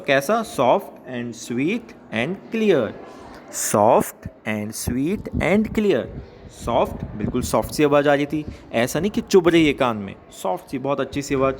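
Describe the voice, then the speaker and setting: A young man teaching a class of children, reading a poem slowly line by line and repeating it, then explaining in Hindi, filmed on a phone at a school. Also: medium pitch, slight background noise. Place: school grounds, filmed while walking around.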